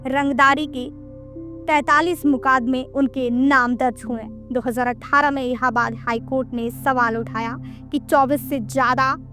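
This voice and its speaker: Woman, high-pitched, scripted narrator, dramatic storytelling delivery, faint background music. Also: a bit bright.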